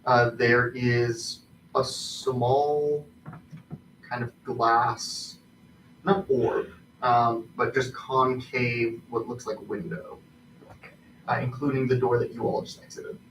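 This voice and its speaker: A man improvising tabletop game narration as game master, haltingly, searching for his words. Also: medium pitch, level tone, a bit bright. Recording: distant mic, roomy echo, faint noise.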